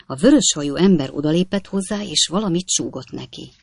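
Low-voiced woman narrating a storybook. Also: expressive, slightly rough, no echo, clean studio sound. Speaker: audiobook narrator. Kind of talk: scripted narration.

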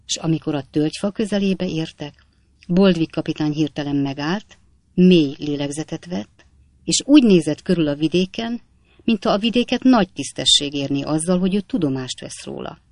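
A woman narrating a classic novel as an audiobook reader, in a measured storytelling voice. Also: sits low, lively intonation, a little mellow, dry recording.

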